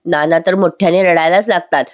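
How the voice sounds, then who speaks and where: A woman's voice: fairly low pitch, steady tone, brisk. A woman giving a chatty voice-over recap of a TV serial, talking directly to viewers. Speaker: TV serial reviewer.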